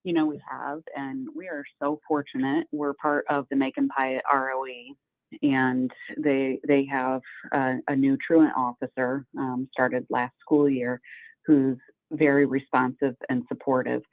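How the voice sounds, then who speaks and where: An American woman, a school superintendent, explaining things in a measured way in a phone interview. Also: a bass voice, flat delivery, dry recording. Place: on the phone to a radio show. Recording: tinny, band-limited phone line.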